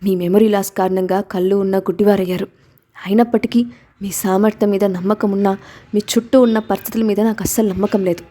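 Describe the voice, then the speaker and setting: A woman's voice: medium pitch, steady tone, brisk, mellow, natural voice. A woman voicing a stubborn, proud young mother who speaks sharply and reproachfully.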